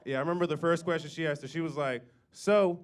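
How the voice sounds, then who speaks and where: A man's voice: fairly high pitch, fairly even intonation, very fast, clean tone. A young man doing a stand-up set in a comedy club, dry crowd work that breaks into mock outrage. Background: audience laughter.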